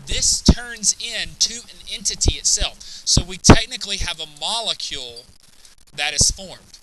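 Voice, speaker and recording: A man's voice: sits high, pushed and bright, slight background noise, poor audio. A man teaching a chemistry class, lecturing and constantly checking in with students by asking "right?" and "okay?".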